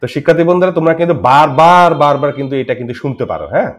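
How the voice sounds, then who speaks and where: A man's voice: on the high side, animated, racing. A male teacher gives a chatty video lesson. He keeps checking in with "right?" and often repeats himself. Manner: chatty, repetitive, frequent "right?" check-ins.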